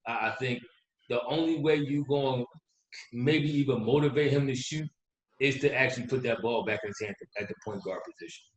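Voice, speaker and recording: A man co-hosting a casual sports podcast, animated and quick to laugh, getting heated when he argues a point. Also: medium pitch, roomy sound, poor audio. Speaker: podcast co-host.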